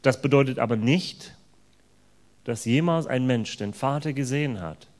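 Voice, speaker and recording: A man preaching a sermon in an earnest, emphatic way, stressing words with sudden loud bursts. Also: mid-range voice, normal speed.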